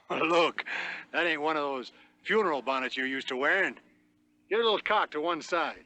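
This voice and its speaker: An actor playing a rough, folksy cowboy mentor in a TV western, with a teasing manner and an American Western accent. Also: male voice, fairly high pitch, moderate pace, bright, forceful tone. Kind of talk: TV western acting.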